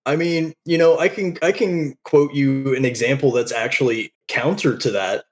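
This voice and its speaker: A man co-hosting a podcast in casual chat, easygoing and quick to laugh. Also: mid-range voice. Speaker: podcast co-host.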